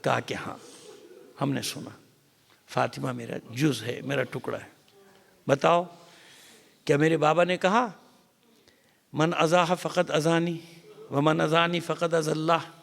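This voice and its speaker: Gravelly Pakistani cleric preaching in a hall. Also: male voice, fairly high pitch, steady tone, long pauses. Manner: dramatic storytelling, swinging from loud cries to whispers. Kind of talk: mourning sermon. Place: large mosque hall. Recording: long reverb of a mosque hall.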